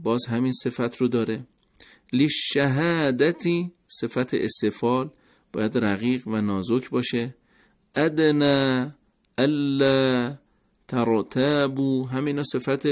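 Persian-accented male tajwid teacher, mid-pitched, patient, drawls out example words for students. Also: darkish tone. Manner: patient, slows down to model Arabic words. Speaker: Quran recitation teacher. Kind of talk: tajwid lesson explaining letter articulation.

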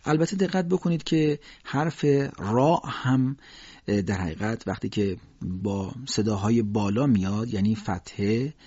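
Husky male Quran recitation teacher. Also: fairly low pitch, warm tone, no echo. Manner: explanatory, patient, many hesitation fillers. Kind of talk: spoken lesson with slow recited examples. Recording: dull, dry lo-fi recording.

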